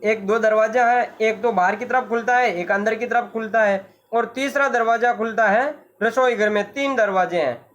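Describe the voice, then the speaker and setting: A Hindi teacher explaining a school play, going slowly and repeating each point, pausing to give the meanings of words. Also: mid-range voice, a bit bright, dull audio. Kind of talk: classroom lesson explanation.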